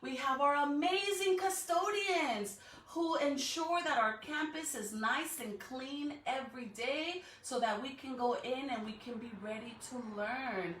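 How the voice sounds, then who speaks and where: Unhurried and high-pitched, the woman's fairly bright voice is recorded from afar with a touch of hiss or hum and a roomy echo. Hosting a school read-aloud for students on a live stream, she talks encouragingly to young children, often asking "right?" and other rhetorical questions, then reads a storybook.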